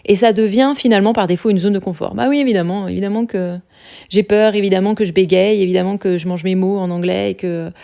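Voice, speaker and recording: Chatty woman with a creaky voice. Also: medium pitch, fairly even intonation, quick pace, mellow. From France. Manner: chatty, many fillers and restarts, laughs easily. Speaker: podcast guest sharing expat experience. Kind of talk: casual podcast conversation.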